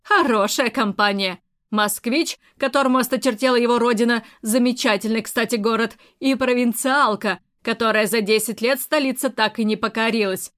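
A woman's voice: a little high, moderate pace, fairly bright tone, lightly acted. A woman reading the part of a scornful, domineering aunt who mocks the people she talks to. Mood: mocking. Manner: mocking, scornful. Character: sharp-tongued older aunt, mocking and domineering.

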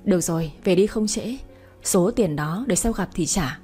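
A woman voicing a calm young man who speaks kindly to the heroine in a storybook. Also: on the low side, moderate pace, faint music behind, natural voice.

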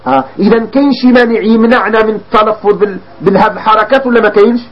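A man with a Moroccan Arabic accent teaching grammar, repeating definitions slowly and quizzing his students with questions. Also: sits high. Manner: slows down to dictate key definitions word by word. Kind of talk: classroom lesson on Arabic grammar. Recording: dull lo-fi lecture recording.

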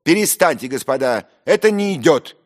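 A man's voice: mid-range voice, big pitch swings, a little slow, pitched above the performer's own voice. A man voicing a pompous young man who talks down to others and gives orders. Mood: commanding. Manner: pompous, condescending, commanding. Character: pompous self-assured young man, condescending.

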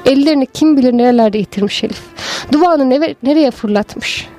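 High-voiced woman reading a story. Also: mellow, faint music behind. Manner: slow, measured and lyrical. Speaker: story reader. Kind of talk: literary narration.

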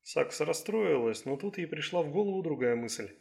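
A man reading an audiobook in a steady, even scripted narration. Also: a little high, normal speed, gravelly.

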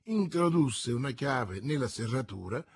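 A man with a husky voice narrating a classic novel aloud in a measured, dramatic storytelling manner. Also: mid-range voice, animated. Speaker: audiobook narrator. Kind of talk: scripted literary narration.

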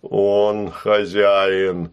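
Male reader doing a plodding clay giant in an audiobook, slow, dull, low-ish, simple-minded. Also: little pitch movement, smooth. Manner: slow, halting, speaks of himself by name.

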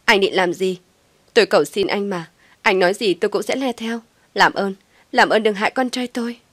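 A woman's voice: mid-range voice, fairly quick, a bit bright, no echo, pitched above the performer's own voice, natural voice. A woman voicing a desperate young mother who pleads in a raised, strained voice. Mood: pleading.

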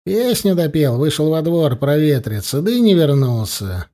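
A man's voice: on the high side, very animated, moderate pace, warm tone. A man voicing a sly, obsequious henchman with a smirking manner. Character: sly servile henchman, mocking.

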